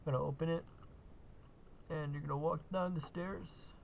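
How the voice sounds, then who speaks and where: Gravelly laid-back man explaining gameplay. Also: fairly high pitch, fairly even intonation, normal speed, slight background noise. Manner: laid-back, lots of uh and kinda. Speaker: gaming video host. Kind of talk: casual gameplay walkthrough.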